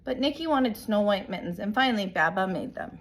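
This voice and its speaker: A woman reading a picture book aloud in an animated, emphatic way, like a teacher telling a story to young children. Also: mid-range voice, fairly quick. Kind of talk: expressive storybook read-aloud.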